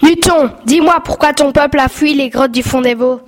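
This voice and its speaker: A woman's voice: high-pitched, normal speed, close to an everyday voice. A woman voicing a stern male count in a storybook, speaking with command. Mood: questioning.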